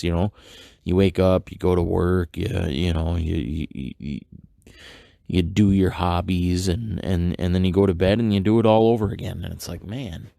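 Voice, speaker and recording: Deep gravelly-voiced man hosting a devotional podcast. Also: a little mellow, no echo, studio quality. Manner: halting, many fillers and restarts; earnest, reflective. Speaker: podcast host. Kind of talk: casual devotional monologue.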